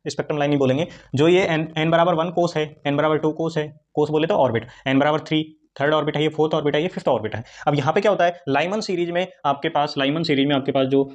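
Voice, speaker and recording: A man's voice: a little high, dull audio. A man teaching a chemistry lesson, asking his class questions and answering them himself. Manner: repetitive call-and-response questioning; fast, chatty explaining with Hindi-English mix. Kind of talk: online classroom lecture.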